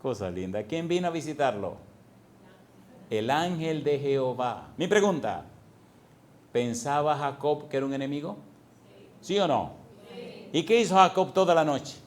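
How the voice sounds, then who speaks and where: A male pastor preaching a sermon, swinging from hushed tones to loud bursts and firing rhetorical questions at the congregation. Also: on the high side, expressive, a little slow, long pauses, slight background noise.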